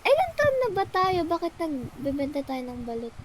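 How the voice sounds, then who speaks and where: A woman's voice: high-pitched, sing-song, moderate pace. A woman with a Filipino accent bantering casually through a game, slipping between languages. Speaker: game player. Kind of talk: casual playthrough banter, mixing in English. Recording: noisy background with clicking.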